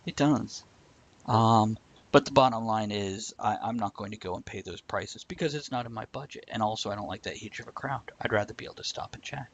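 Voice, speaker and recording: Speaking a little fast in a low-leaning voice, with a slight hiss or hum, a live talk show host chats back to his viewers. He responds to their live comments bluntly, offering opinions and cursing without restraint.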